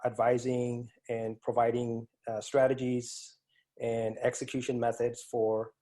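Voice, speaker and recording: Unhurried and monotone, the man's medium-pitched voice carries a dark tone. He's a guest IT strategist in his forties from Ethiopia and Kenya with an East African accent, answering interview questions over a remote call with frequent fillers and restarts.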